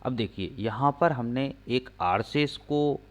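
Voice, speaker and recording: A man teaching English grammar, slowly spelling out example sentences word by word and asking questions he answers himself. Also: medium pitch. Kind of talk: classroom-style explaining lesson. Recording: slightly dull lo-fi recording.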